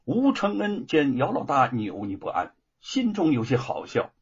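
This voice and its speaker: Husky male storyteller, sweeping delivery. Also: medium pitch, wildly swooping pitch, normal speed. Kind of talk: scripted story narration. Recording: dull lo-fi recording.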